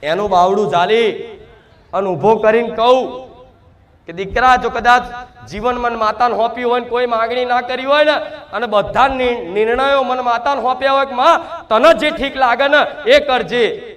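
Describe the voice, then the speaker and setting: Very high-voiced man preaching as goddess. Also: moderate pace, fairly bright tone. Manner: emphatic, repeated rhetorical questions. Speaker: devotee speaking as the goddess. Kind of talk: devotional sermon in first person as goddess.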